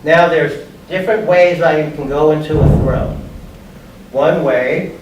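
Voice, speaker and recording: A man's voice: a little high, measured pace. An older man, in his sixties or so, giving an instructional martial arts demonstration in short, plain, step-by-step phrases. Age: older, about 60s. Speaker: judo instructor. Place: large bare padded indoor training room. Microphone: distant camera microphone. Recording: echoey room, far microphone, background noise.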